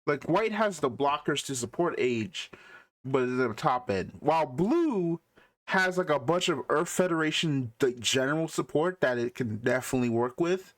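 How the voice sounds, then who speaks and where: Dude cohosting a podcast, voice jumps all over the place, teasing, kinda incredulous. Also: male voice, fairly high pitch, animated, moderate pace. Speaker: podcast co-host. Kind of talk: casual chat.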